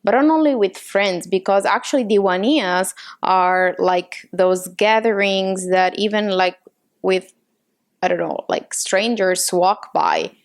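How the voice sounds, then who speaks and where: An Italian woman co-hosting a podcast chats casually in an Italian accent, her mid-range voice animated but unhurried. She often hesitates, reaching for words with "like" and checking in with "right?".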